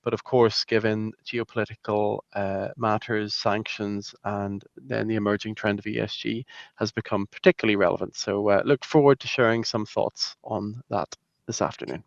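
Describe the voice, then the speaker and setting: A man of middle pitch, speaking in a fluent, measured way with the odd "look" as a filler. His voice comes through a dry, slightly muffled video-call line with no room sound at all. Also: steady tone, gravelly, dry recording. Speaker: panelist, consultancy director. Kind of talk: webinar panel discussion.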